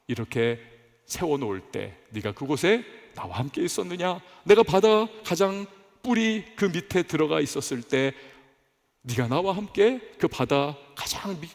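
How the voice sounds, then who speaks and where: A man voicing God as a stern, all-knowing figure who asks slow, commanding questions. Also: on the high side, creaky. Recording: echoey church hall.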